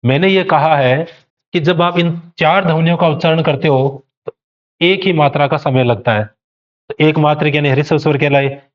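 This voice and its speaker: A man's voice: on the high side, normal speed, lo-fi sound. Man teaching with rhetorical questions. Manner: explains step by step with rhetorical questions. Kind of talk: exam coaching lecture.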